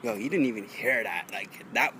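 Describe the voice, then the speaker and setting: A man's voice: lowish voice, normal speed, crowd noise. A young man rambling profanely and jokingly in a comedy vlog, walking outdoors on a street and talking into a handheld phone. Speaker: vlogger.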